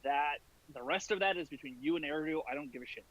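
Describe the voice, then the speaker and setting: Higher-voiced man, halting tabletop player. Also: fairly bright tone, rough recording. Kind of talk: casual improvised role-play and game chat.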